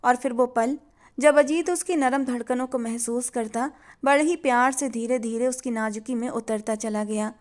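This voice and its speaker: A woman narrating a scripted family story in a steady, expressive reading voice. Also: fairly high pitch, moderate pace.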